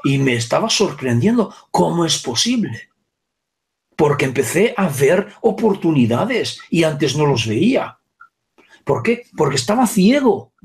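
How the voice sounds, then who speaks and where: A man's voice: on the high side, very animated, measured pace, a little mellow. A man teaching a spiritual session, speaking emphatically and often checking that his listeners follow.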